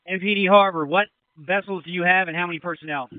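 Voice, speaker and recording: Guy running rescue boats over marine radio, quick clipped orders, thin tinny sound. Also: high-pitched, steady tone, no echo. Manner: brisk, directive, crisp radio procedure. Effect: marine radio transmission. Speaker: river branch incident commander. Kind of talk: emergency radio dispatch.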